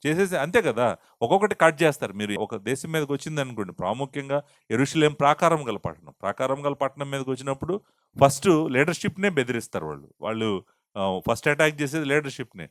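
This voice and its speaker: A man's voice: mid-range voice, animated, quick pace, fairly bright tone, dry recording. A male pastor preaching an expository sermon, teaching with rhetorical questions and mixing English words into his talk. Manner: mixes English words into Telugu.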